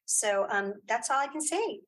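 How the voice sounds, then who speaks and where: Her voice sits fairly high, expressive and a bit bright with a slight roughness, and she keeps a moderate pace. As an interview guest who podcasts and creates audio dramas, she chats casually, encouraging and emphatic, circling back to the same phrases to make her case.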